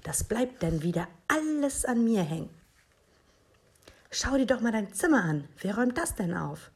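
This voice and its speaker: A woman reading a children's storybook aloud, voicing a strict, exasperated mother dinosaur who scolds in a sharp, raised voice. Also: deep voice, unhurried, creaky, husky, exaggerated voice. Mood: scolding.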